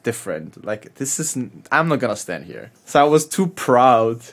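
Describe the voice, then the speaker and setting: A man's voice: medium pitch, sing-song, moderate pace. A man, a chef telling stories as a podcast guest, laughing often and talking in loose slang with casual swearing. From Hamburg, Germany. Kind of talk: casual storytelling.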